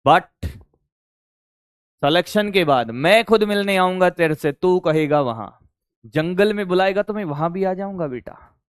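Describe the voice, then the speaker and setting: A male physics teacher, lecturing online at a board, his voice hoarse from shouting, coaxing students and checking whether they follow. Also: sits high, animated, a little slow, long pauses, no echo, clean studio sound. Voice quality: strained, worn voice. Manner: coaxing, keeps asking if students got it.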